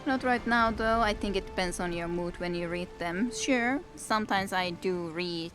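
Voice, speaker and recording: Her voice sits on the low side and moves at a moderate pace as this Finnish streamer plays a game. Game music fills the background while she chats to her audience and herself in a wry, rambling way.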